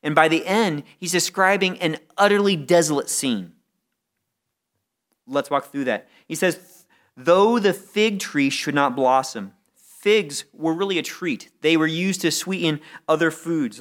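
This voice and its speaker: Male pastor, slightly higher voice, earnest sermon delivery, repeats words as he builds his point. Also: expressive, a little slow, a bit bright. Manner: earnest, repeats words when stuck, rises in intensity on key phrases.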